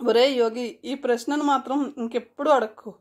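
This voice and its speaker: A woman's voice: on the high side, fairly even intonation, moderate pace, darkish tone, natural voice. Woman as a grieving older sister, guarded, distressed, storybook reading. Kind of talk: audiobook character reading.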